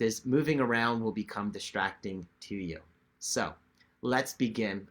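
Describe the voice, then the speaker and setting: Man gently leading a guided meditation. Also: medium pitch. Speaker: meditation teacher. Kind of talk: guided meditation instruction, spoken to viewers.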